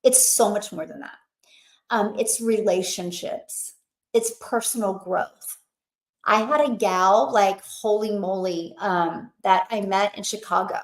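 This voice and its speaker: A woman's voice: mid-range voice, unhurried, reverberant, rough recording. A woman hosting a motivational webinar, talking in a chatty, emphatic way with lots of fillers. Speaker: webinar host.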